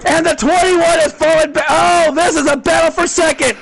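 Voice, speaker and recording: A man giving live race commentary as an excited, shouting motorsport announcer, repeating phrases urgently and openly cheering on a driver. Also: very high voice, moderate pace, crowd noise, low-quality recording.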